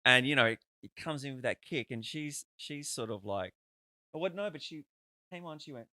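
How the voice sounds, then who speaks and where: A man's voice: medium pitch, expressive, normal speed, sharp tone, no room sound, studio quality. A man, hosting a podcast in a chatty, rambling way and swearing freely. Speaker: podcast host. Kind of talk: casual conversational interview.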